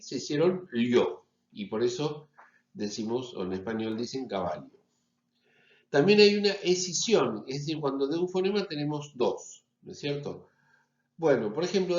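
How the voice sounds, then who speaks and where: Slow Rioplatense man lecturing, echoey room. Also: medium pitch. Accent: Rioplatense Spanish. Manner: explanatory, checks in with frequent "¿sí?". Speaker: university lecturer. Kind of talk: recorded phonetics lecture. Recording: echoey, slightly dull recording.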